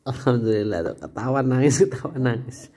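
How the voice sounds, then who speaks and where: A man's voice: medium pitch, fairly even intonation, a little fast, mellow. Teasing father with a lilt. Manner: teasing, chuckling, playfully coaxing. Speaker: father filming his family. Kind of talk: casual home video chat.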